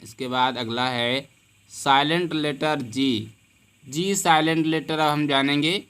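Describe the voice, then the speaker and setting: Slow, clear-voiced Hindi English teacher man. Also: fairly high pitch, fairly bright tone. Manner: asks the class questions and answers them himself; repeats key words slowly and deliberately. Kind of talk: classroom lesson explaining word rules.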